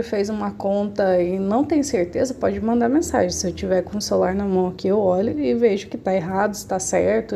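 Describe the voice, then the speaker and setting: A woman's voice: fairly high pitch, vocal fry, warm tone. A woman teaching a remote class, explaining patiently and often checking that her students follow.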